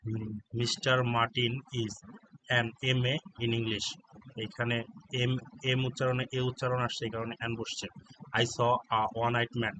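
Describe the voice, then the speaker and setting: A man with a Bangladeshi Bengali accent works as an exam prep tutor, reading exam answers in a monotone and dictating spellings letter by letter. His voice is medium-pitched and measured, on a rough recording with slight background noise.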